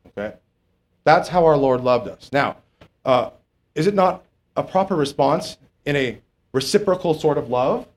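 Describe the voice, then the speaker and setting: A man's voice: animated, measured pace, pauses often. Man teaching scripture, plain and chatty. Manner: informal, keeps checking in with "okay?", rises in pitch on emphatic points. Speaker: pastor. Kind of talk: conversational Bible teaching.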